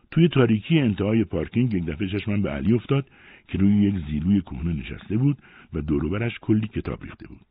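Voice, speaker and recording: A man narrating a first-person story aloud with an expressive storytelling delivery. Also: sits low, husky. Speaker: audiobook narrator. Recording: dry, phone-like narrow sound.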